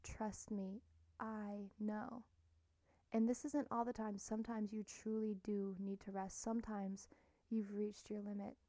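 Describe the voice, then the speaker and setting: A woman podcast host giving a blunt, encouraging self-help pep talk, soft and deliberate with plenty of swearing. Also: mid-range voice, little pitch movement, dry recording.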